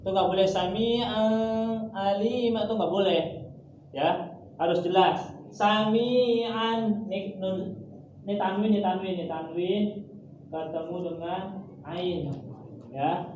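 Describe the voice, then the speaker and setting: A man teaching Quran recitation in an informal class, patiently repeating rules and slowly chanting drawn-out example words. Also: high voice, flat delivery, a little mellow. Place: gathering room with students. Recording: echoey room, far from mic, noisy.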